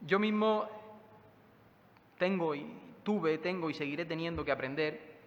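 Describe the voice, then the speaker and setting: A man's voice: fairly high pitch, unhurried, long reverb tail, lo-fi sound. A man with a Spain Spanish accent preaching a Sunday sermon in a church, talking conversationally and asking his listeners rhetorical questions. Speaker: pastor preaching.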